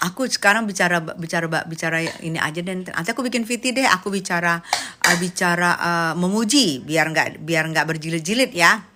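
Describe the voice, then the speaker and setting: A woman's voice: on the low side, brisk, background noise. A young adult woman hosts a live stream, chatting casually with viewers and reading their comments in a sassy, teasing way full of slang. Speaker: livestream host chatting with viewers.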